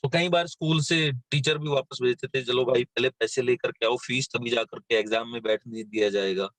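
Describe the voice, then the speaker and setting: A man's voice: mid-range voice, fairly even intonation, normal speed, fairly bright tone, dry recording. A man in his thirties from western Uttar Pradesh, telling his life story as an invited speaker in a motivational session, with plain storytelling and many fillers. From western Uttar Pradesh, India. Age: 30s. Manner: plain storytelling, frequent fillers and repeated words. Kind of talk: motivational talk on a live session.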